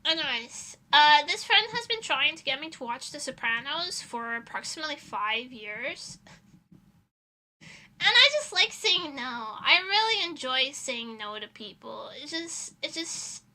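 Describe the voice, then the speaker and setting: A streamer who is a native Portuguese speaker chats casually on a livestream, playful and rambling with animated asides. Her voice is high-pitched and unhurried.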